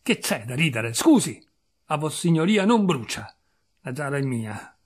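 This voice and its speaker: A man's voice: on the high side, very animated, unhurried, slightly rough, exaggerated voice. A man reading a story aloud, voicing an irascible landowner who exclaims and fusses in agitation. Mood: agitated. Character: irascible middle-aged male landowner, fussy and stingy.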